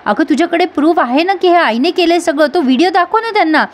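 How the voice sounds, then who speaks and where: A woman's voice: very high-pitched, expressive, quick pace, pitched above the performer's own voice. Woman doing a concerned woman lawyer. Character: caring woman lawyer, sister-in-law.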